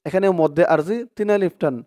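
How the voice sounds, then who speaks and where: A man with a Bangladeshi Bengali accent teaching Quran reading, spelling out letters and drawing out chanted words slowly. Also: on the high side, mellow, no echo, studio quality. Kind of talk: slow recitation lesson.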